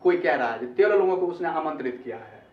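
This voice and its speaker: A man's voice: fairly high pitch, lively intonation, fairly quick. A man teaching an online English grammar lesson, explaining in Hindi, repeating phrases and checking with "ठीक है?". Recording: echoey, distant, dull-sounding recording.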